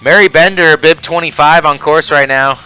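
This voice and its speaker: Bright-voiced race announcer guy, smooth and clear, calls times and cracks jokes. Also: fairly high pitch, moderate pace, faint music behind, low-quality recording. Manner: joking, reads bibs and times. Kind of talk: live sports commentary, banter.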